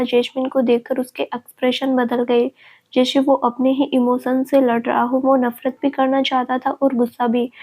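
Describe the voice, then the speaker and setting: A woman narrating a family love story as a storyteller, in a steady scripted reading. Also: sits high, poor audio.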